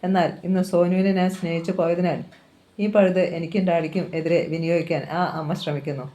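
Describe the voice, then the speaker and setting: Mellow-voiced novel reader. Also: mid-range voice, flat delivery, brisk, highs cut off. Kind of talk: audiobook narration of a novel.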